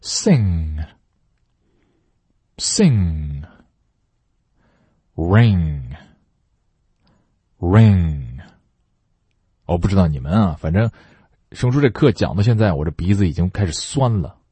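A man's voice: sits low, expressive, fast talker, dark tone, husky, no echo. A man teaching English pronunciation, explaining patiently and stretching out demonstration words for students to repeat. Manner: patient, chatty explaining between drills. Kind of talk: phonetics lesson with repeat-after-me drills.

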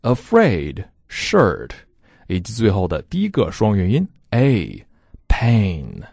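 Slow deep-voiced male teacher. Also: wildly swooping pitch, vocal fry, darkish tone, slightly rough, no echo, studio quality. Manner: drawn-out model words, explaining in Mandarin. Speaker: English pronunciation teacher. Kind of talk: slow repeat-after-me phonics lesson.

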